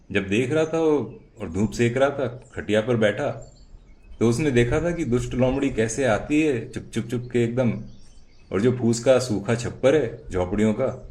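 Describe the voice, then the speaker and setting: A man's voice: medium pitch, a little mellow. A man narrating a children's story dramatically, with sound words and idioms.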